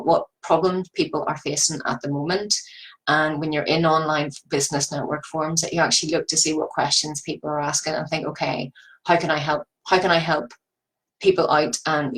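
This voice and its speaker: Low-pitched Northern Irish woman, fairly even delivery. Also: poor audio. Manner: rambling, earnest, encouraging, with repetition for emphasis. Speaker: business coach. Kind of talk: informal advice monologue to online viewers.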